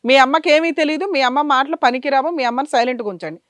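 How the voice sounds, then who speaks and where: Woman advocate host, scolding and firm, high voice, fast delivery. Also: no echo, studio quality. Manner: stern, scolding, commanding. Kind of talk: confrontational counseling on a reality show.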